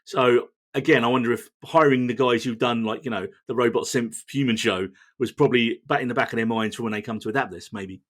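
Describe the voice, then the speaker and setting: A man hosting a casual podcast chat, quick and chatty, swearing freely. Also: mid-range voice, fairly even intonation. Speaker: podcast host.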